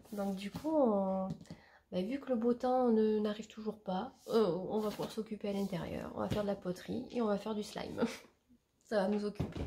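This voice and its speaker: A woman's voice: mid-range voice, a little hiss or hum. A young woman chatting casually as a vlogger, showing gifts with many fillers and restarts. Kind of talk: casual show-and-tell chat.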